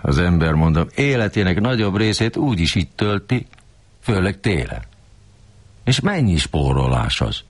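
Deep-voiced grumbling older man. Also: big pitch swings, no echo. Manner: grumbling, coarse, rambling. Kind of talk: performed comic monologue.

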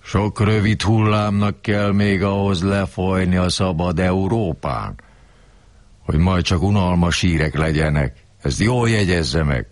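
A man's voice: low voice, dry recording, voice pushed up, natural voice. A man voicing a bullying middle-aged male handler who scolds and threatens in a harsh, raised voice. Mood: lecturing.

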